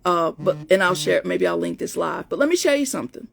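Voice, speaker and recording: Fifty-ish woman coach chatting on a live stream, gravelly in-between voice, lots of restarts. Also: fairly low pitch, animated, fast talker. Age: 50s. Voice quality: voice between feminine and masculine. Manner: storytelling, chatty, many restarts. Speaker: life coach. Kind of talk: casual live-stream talk to viewers.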